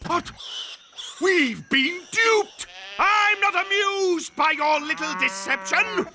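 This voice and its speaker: A man voicing a pompous, scheming, short-tempered reptilian villain king in an animated cartoon, with a bombastic, imperious, exasperated delivery. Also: extremely high pitch, slow, a little hiss or hum, full character voice. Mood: outraged. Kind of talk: theatrical animated cartoon acting. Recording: cartoon soundtrack with loud music behind.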